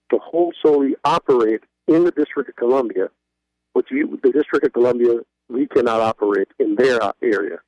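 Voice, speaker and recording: A man's voice: medium pitch, warm tone, no room sound. A man who manages a cab company speaks firmly and critically in a phone interview, stacking his points in lists, heard over a poor-quality phone line. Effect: poor-quality phone line audio. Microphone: cell phone. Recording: dull, dry phone-line audio.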